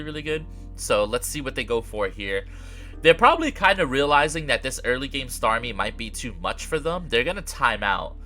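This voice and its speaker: A young man with a congested, nasal voice from allergies, chatting casually through a card game with frequent fillers and throat clearing. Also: mid-range voice, bright, forceful tone. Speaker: gaming creator. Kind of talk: casual gameplay commentary.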